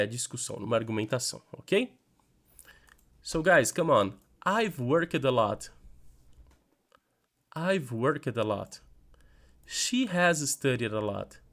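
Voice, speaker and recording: A man with a Brazilian Portuguese accent giving an animated online grammar lesson as an English teacher, drilling sentences slowly between quick explanations. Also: mid-range voice.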